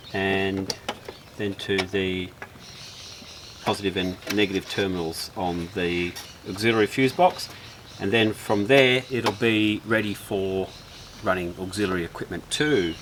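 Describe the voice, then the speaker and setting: A lowish-voiced man with an Australian accent talks through a do-it-yourself wiring job at a car's engine bay. His relaxed delivery sounds like thinking aloud as he works. A steady noise sits clearly behind him. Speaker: DIY car vlogger. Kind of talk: casual how-to narration.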